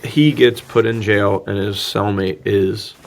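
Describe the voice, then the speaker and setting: Lowish and steady, a little slow, this man casually jokes his way through a movie recap on his podcast. He uses loose slang and mimics the characters' lines mockingly.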